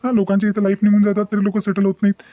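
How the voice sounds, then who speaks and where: A man's voice: high-pitched, monotone, warm tone, no room sound, highs cut off, close to an everyday voice. A man voicing a young, deceitful, bossy boyfriend in a cartoon, dismissive and threatening. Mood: taunting. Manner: dismissive, taunting, fast-talking. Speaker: cartoon character. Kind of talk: Marathi cartoon voice acting.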